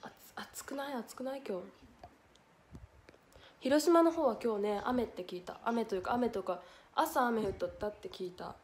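Young woman w/ hiroshima accent, chatty idol livestream, kinda high voice, giggles a lot. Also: moderate pace, a little mellow, slight background noise. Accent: Hiroshima Japanese. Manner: chatty, reads viewer comments aloud, giggly. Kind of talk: casual livestream chat.

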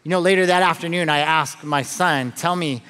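A middle-aged man, a pastor, preaching a sermon as an animated storyteller who often repeats words at the start of a line. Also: on the high side, brisk, clear, resonant tone, in a large hall. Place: church auditorium.

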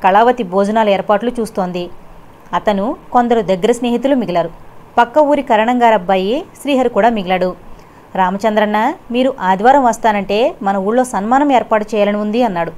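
A woman's voice: brisk, a little mellow. Woman reading a novel aloud. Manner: reads characters' lines with rising pitch and force. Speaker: audiobook narrator. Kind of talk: scripted novel narration with voiced dialogue.

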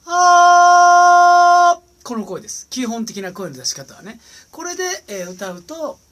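A man's voice: high-pitched, big pitch swings, normal speed, slightly rough. A man giving a casual singing lesson. He chats and demonstrates sustained sung vowels and humming, recorded on a smartphone. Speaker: vocal coach.

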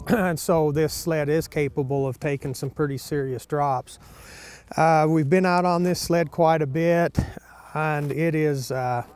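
A man, a mountain test rider, giving a casual halting review outdoors in the snow. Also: on the high side, a little mellow. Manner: hesitant, lots of uh fillers. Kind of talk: casual review talk to camera. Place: outdoors in snow at a sled event.

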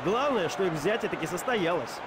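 A man's voice: high-pitched, animated, brisk. A man giving wry, wordy colour commentary in a hockey video game. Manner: wry, wordy, opinionated remarks. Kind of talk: scripted sports analysis commentary. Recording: loud rink noise behind the voice.

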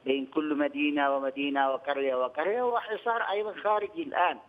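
Older man over a tinny phone line. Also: fairly high pitch. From Yemen. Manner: measured, repeats phrases, hesitant fillers. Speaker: studio guest, former press union head. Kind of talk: remote news interview.

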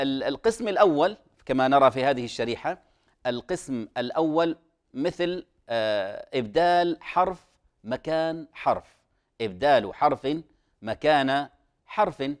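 A man teaching Quran recitation on a TV lesson, explaining errors with many pauses and reciting example words slowly and carefully. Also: medium pitch. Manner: frequent hesitation fillers.

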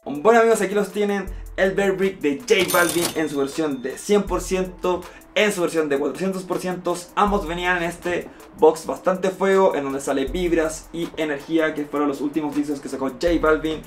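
A young man from Chile talks through his streetwear purchases, upbeat and full of slang. His voice sits a little high for a man. A faint music bed plays beneath him as he sits at a table with the camera in front of him. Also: moderate pace. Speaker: streetwear vlogger. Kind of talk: casual unboxing vlog.

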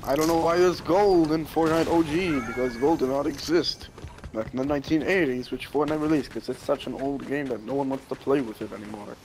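A man's voice: medium pitch, fairly quick, background noise. A man playing a shooter game with a friend, rambling and repeating himself as he talks. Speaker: gaming partner. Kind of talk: casual gaming chat. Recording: game sounds behind voice.

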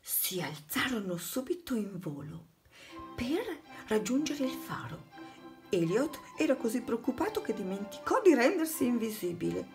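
A woman's voice: a little high, sing-song, moderate pace, music in the background. A woman narrating a children's storybook, reading aloud expressively and dramatically.

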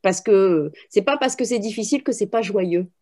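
Speaking at normal speed with a mid-range, dark voice, the woman thinks aloud with plenty of small tags. She's a middle-aged philosophy teacher and trainer being interviewed on a video call through her computer microphone, sitting indoors in a home room with bookshelves.

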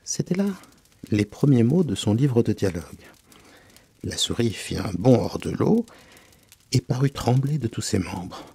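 A man reading a storybook slowly and softly as a soothing hypnotic ASMR session on a close mic. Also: medium pitch, animated, gravelly, slightly rough, no room sound. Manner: slow, soft and soothing. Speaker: hypnotist and reader.

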